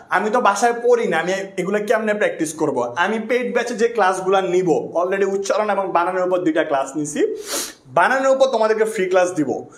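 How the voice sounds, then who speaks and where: A man's voice: sits high, roomy sound. A young man from Bangladesh teaching a live online class, chatty and joking with his viewers, repeating words for emphasis. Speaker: online tutor.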